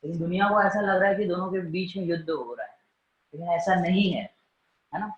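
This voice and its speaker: A man's voice: high voice, a little fast. A man giving a Jain religious discourse in a conversational way, often asking his listeners whether they follow. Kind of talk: Hindi religious discourse mixed with English words. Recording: roomy, dull recording.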